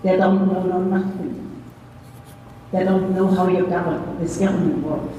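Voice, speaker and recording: A woman, speaking up from the audience in emphatic, halting phrases. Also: fairly low pitch, steady tone, highs cut off. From Germany. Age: 70s. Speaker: audience member asking a question. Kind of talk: impassioned public comment. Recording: echoey hall from far off with noise.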